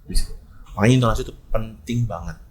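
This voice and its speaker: An esports event host with a Jakarta slang accent tells stories in a casual podcast chat, speaking quickly in a lowish voice. He is an animated storyteller who acts out the lines he quotes.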